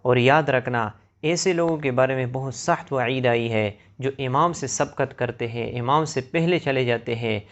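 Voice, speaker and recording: A man teaching viewers how to pray correctly, demonstrating recited phrases slowly and carefully. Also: medium pitch, fairly bright tone, highs cut off. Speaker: religious teacher. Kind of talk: explaining prayer rules to viewers.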